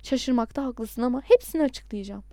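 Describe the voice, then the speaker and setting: A woman's voice: on the high side, fairly quick, dark tone, no echo, studio quality, natural voice. A woman reading the part of an adult man who pleads and insists on the phone, in an audiobook. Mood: apologetic.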